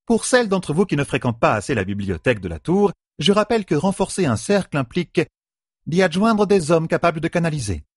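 A determined scholarly woman lectures her peers like a professor before a class, as a male audiobook narrator puts her on. The voice sits well above his own and swings widely, with a slightly husky edge. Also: a little high, big pitch swings, brisk, no echo, clean studio sound, pitched above the performer's own voice.

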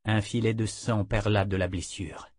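A man narrating a fantasy novel in a measured reading voice, voicing the dialogue himself. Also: fairly low pitch, flat delivery, darkish tone, dry recording, clean studio sound. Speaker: audiobook narrator.

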